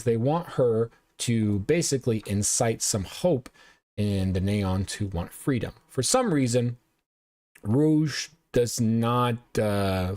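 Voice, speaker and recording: Low-voiced man giving a lively recap. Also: no room sound. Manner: rambling, self-correcting, frequent uhs. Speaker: show host. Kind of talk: casual anime episode recap and review.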